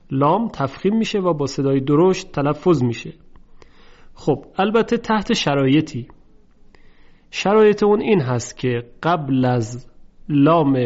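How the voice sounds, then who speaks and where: A man teaching a lesson on Quran recitation rules, speaking slowly and carefully and drawing out the example words in chant. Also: fairly high pitch, a little mellow. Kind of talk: tajweed lesson. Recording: dull lo-fi recording.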